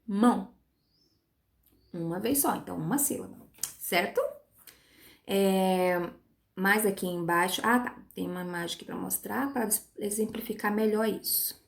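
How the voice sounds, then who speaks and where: A woman teacher giving a recorded online lesson to young pupils, patient, spelling words out slowly and checking in with short tag questions. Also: mid-range voice, creaky. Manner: patient, stretches words syllable by syllable.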